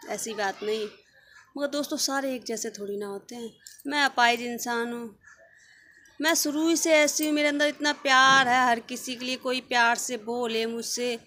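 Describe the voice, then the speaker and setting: A young woman vlogger speaks to her viewers in a frank, chatty way, giving her opinions plainly. Her voice sits a little high, and a faint hiss runs under the recording. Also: fairly bright tone. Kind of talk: casual vlog talk to viewers.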